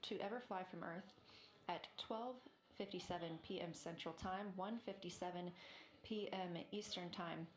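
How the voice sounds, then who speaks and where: A woman's voice: fairly low pitch, normal speed, roomy sound. A woman reading scripted spaceflight commentary as a mission control announcer.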